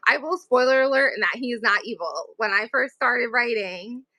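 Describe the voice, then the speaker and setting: An author from New England chats casually as a guest, giggling and laughing often while she talks. Her voice is on the high side, pushed and bright, at a moderate pace, and the recording is dry.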